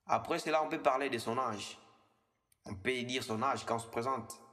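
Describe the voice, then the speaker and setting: Guy in his 20s teaching english, says the examples slow and twice, echoey reverb-y room. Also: mid-range voice, a bit bright. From DR Congo. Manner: slows down and repeats the English example phrases. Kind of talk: language lesson explained in French.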